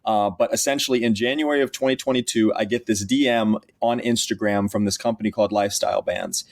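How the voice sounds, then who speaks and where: A man's voice: lowish voice, fairly even intonation, fast. A young man in his twenties from Texas, a college athlete who is the guest on a podcast interview and tells his story earnestly, with frequent restarts. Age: 20s.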